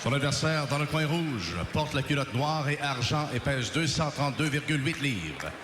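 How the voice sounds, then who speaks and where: A man working as a bilingual fight announcer, formally introducing boxers in a showman style with drawn-out names. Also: on the high side, lively intonation, a crowd in the background. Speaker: boxing ring announcer. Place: echoing arena at ringside. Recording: echoey noisy arena PA, long reverb.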